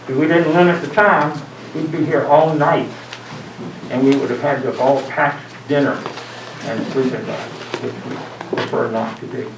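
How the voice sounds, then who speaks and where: American male chair, mid-pitched, talking deliberately through a face mask to a public meeting, miked from a distance. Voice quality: slightly muffled by a face mask. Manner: deliberate, speaking up to be heard. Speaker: planning commission chairman. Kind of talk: formal meeting opening remarks. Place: indoor public meeting room. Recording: distant mic, echoey room, clear noise.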